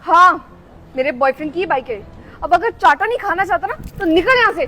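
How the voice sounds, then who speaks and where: A woman's voice: animated, brisk, music in the background. A woman acting a snobbish young woman who scolds and looks down on poor people in a melodramatic skit. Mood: scornful. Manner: scolding, contemptuous, shrill outbursts. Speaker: actor in a short skit.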